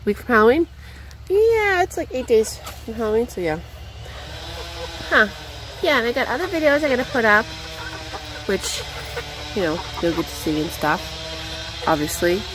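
A woman's voice: big pitch swings, normal speed, long pauses, over music, rough recording. Chatty young woman vlogging outdoors. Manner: chatty, rambling, coos in a high voice at the chickens. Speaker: vlogger feeding her backyard chickens. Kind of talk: casual off-the-cuff vlog chat. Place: outdoor chicken run, backyard.

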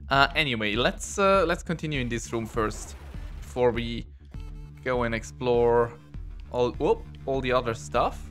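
A man talks through a blind playthrough in a slow, rambling way, reading game text aloud and poking fun at himself. His pitch sits in a middle range. Quiet game music runs underneath. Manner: rambling, self-deprecating, reads on-screen text aloud. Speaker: let's play gamer. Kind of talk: casual gameplay commentary.

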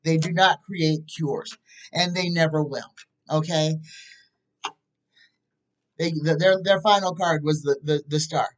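A woman in her fifties talks slowly to her webcam from a small room at home. She is emphatic and keeps checking in with "okay?" as she makes her points. She sits a little back from the mic. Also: sits low, fairly even intonation, far from the mic, rough recording. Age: 50s. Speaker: psychic tarot reader. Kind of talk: casual talk to camera. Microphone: webcam at desk distance.

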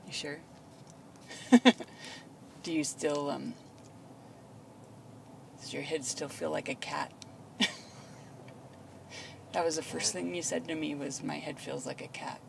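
A woman with a low, steady voice speaks at normal speed as she films a patient she cares for. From inside a parked car she chats casually, explaining things simply and reassuringly, and the recording is clearly noisy.

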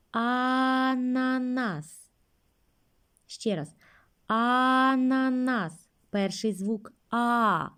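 A woman teaching young children a speech lesson, speaking gently and drawing out words for them. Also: mid-range voice. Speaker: kindergarten teacher.

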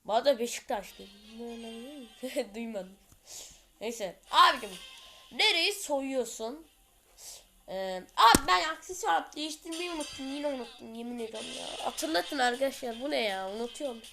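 A woman hosting a gaming channel, giving excited gameplay commentary full of exclamations and chatty asides to viewers. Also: high voice, normal speed, gravelly, faint music behind.

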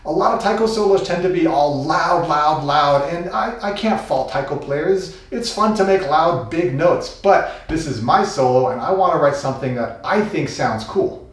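A man's voice: a little high, animated, normal speed, hardly any pauses. A man teaching a taiko solo, thinking aloud and vocalizing drum rhythms as he works. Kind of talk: instructional talk. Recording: very echoey room, mic far off.

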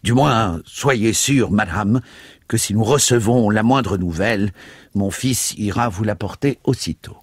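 A man's voice: on the low side, measured pace, slightly rough, dry recording, studio quality, pitched above the performer's own voice. A man reading aloud, voicing a pompous, irritable elderly father who blusters. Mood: blustering.

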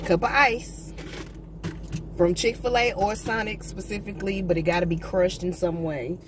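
Sitting in her parked car at night, this young vlogger and entrepreneur fires off a profane, animated rant straight at her audience. Her voice is mid-range and her pace moderate. Clear car-interior noise surrounds the recording from her dashboard-mounted phone camera.

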